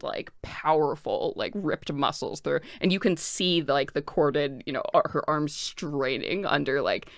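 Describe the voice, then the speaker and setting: A woman narrating a tabletop game as game master, improvising in a casual, excitable way with lots of filler words. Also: low-pitched, gravelly, dry recording, studio quality.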